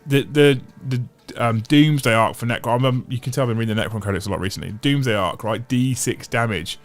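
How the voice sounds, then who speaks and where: A man hosts a casual livestream, chatting and reading viewer comments aloud in a brisk, mid-range voice. He thinks out loud in long stretches, restarting and repeating phrases. Faint music plays behind him.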